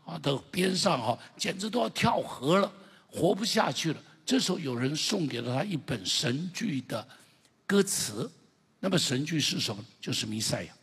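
A man preaching a sermon to a congregation as pastor, emphatic and building to shouted climaxes. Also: on the high side, sing-song, moderate pace, husky. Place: church sanctuary. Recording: long reverb of a large church hall.

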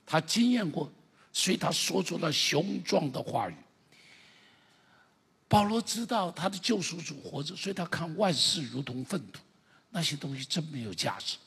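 In a church sanctuary, a pastor with a fairly high, husky, breathy voice preaches a sermon at normal speed with lively intonation. His emphatic delivery builds into loud, shouted declarations, and a long reverb from the large hall hangs on every word.

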